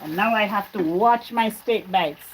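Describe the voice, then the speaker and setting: A Jamaican-born woman hosts a casual cooking livestream from her home kitchen, chatting with viewers while she cooks. Her voice is medium in pitch and her pace measured, though the recording is rough with slight background noise. Frying and stirring sounds fill the background.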